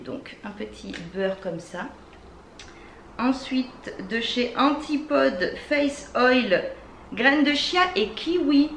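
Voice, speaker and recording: A woman with a French accent chats her way through a beauty haul with easy enthusiasm and lots of little fillers. Her voice sits a little high. The room sounds echoey, with a faint hum of ambient noise behind her. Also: a bit bright. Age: adult with children. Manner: chatty, enthusiastic, many fillers. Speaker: beauty vlogger. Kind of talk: casual product haul.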